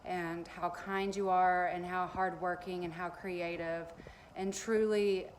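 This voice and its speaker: A woman's voice: on the low side, level tone, takes it slowly, a little hiss or hum, low-quality recording. A woman teacher giving a heartfelt, emotional recorded message to her graduating class.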